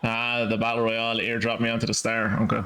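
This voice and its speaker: A man's voice: medium pitch, monotone, fast, sharp tone. A man giving casual live commentary as he streams a game.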